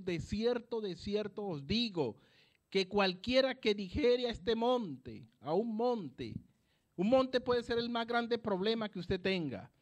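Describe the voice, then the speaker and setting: A man preaching a sermon at an evangelistic campaign, emphatic and repeating his phrases, swinging between loud declarations and soft asides. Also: high-pitched.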